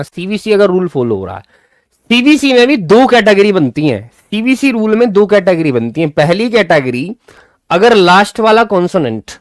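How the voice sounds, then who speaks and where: A man teaching a live online class in a lively, swooping voice that sits a little high for a man. He hammers each rule home by repeating it and keeps nudging his students along. The sound is dry and close, with no room around it. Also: no room sound. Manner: animated, repeats key points, calls students "kids". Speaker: English grammar teacher.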